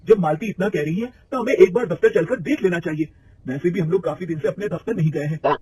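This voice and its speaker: A man voicing a calm, reasonable young husband in a cartoon story. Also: high-pitched, quick pace, breathy edge, far from the mic, rough recording. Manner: reasonable, gentle. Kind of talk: cartoon voice acting.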